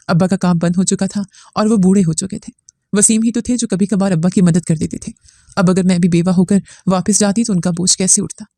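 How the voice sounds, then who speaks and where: A woman narrating a first-person family drama story in a steady, somber manner. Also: medium pitch, no echo.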